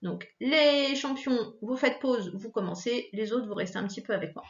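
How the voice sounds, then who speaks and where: A woman's voice: on the high side, animated, normal speed, highs cut off. A woman teacher leading a recorded reading lesson for children, patiently sounding out syllables one at a time. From France.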